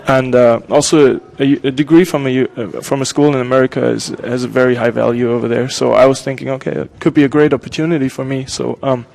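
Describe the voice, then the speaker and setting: A young man with a German accent, a college soccer player answering interview questions in a hesitant way with many pauses. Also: medium pitch, steady tone, vocal fry, darkish tone. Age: young adult. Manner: hesitant, many ums and restarts.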